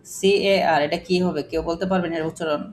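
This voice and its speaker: A man's voice: on the high side, fairly even intonation, quick pace. Male teacher, phonics class, quizzing and repeating, faint noise behind. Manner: questioning, repetitive drilling of examples. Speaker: English teacher.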